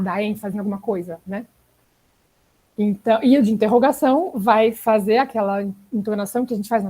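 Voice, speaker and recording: The poor audio carries a mid-range, darkish woman's voice. She's young, has a Brazilian Portuguese accent, and runs an online writing class in a chatty manner, frequently checking in with her students with "né?" and "tá?".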